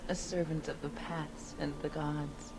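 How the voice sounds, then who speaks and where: A woman's voice: low voice, level tone, a little slow, creaky, background noise. A woman voicing an ancient, solemn otherworldly servant of the gods in a fantasy video game, speaking formally and with portentous measure. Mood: solemn, foreboding.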